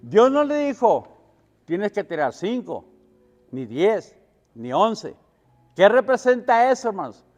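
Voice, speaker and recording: A man with a high-pitched voice preaches to his congregation. He speaks at an unhurried pace, firing questions and answering them himself, and his voice rings out through a long-echoing church hall. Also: big pitch swings, a little mellow, soft background music. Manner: preaching with call-and-response questions and swells in volume. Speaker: pastor. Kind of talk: sermon.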